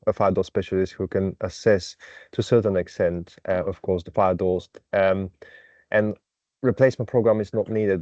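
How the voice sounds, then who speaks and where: A man speaking in a measured, hesitant way in a meeting, heard over a video call. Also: lowish voice, dark tone, dry recording. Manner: measured, hesitant, with many pauses. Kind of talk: meeting contribution. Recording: dull, dry video-call audio.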